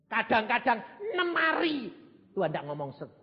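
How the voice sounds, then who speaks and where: Lively Javanese-accented male preacher. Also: very high-pitched, moderate pace, big-room sound, highs cut off. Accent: Javanese-tinged Indonesian. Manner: animated storytelling, acting out dialogues. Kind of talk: sermon with anecdotes.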